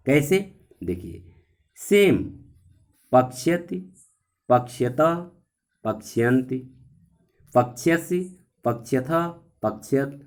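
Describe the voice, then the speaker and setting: A male teacher walks students through a grammar lesson at a very slow pace. He recites each form in turn, repeats it, and pauses to ask whether it is clear. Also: mid-range voice. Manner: patient, repeats forms and checks understanding.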